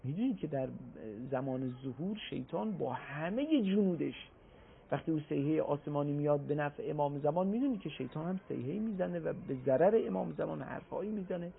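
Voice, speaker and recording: A man giving a religious talk on a broadcast program, explaining patiently and reciting Arabic phrases slowly. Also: fairly high pitch, lively intonation, gravelly, slight background noise. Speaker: religious speaker. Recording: tinny phone-like broadcast audio.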